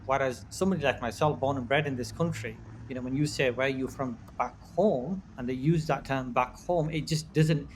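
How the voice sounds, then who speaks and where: A man talks reflectively as a podcast guest. His voice sits at a middle pitch and he leans on conversational fillers. Faint noise lies under the recording. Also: brisk, hardly any pauses. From Bradford, England. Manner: reflective, many "you know" fillers. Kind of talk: casual chat.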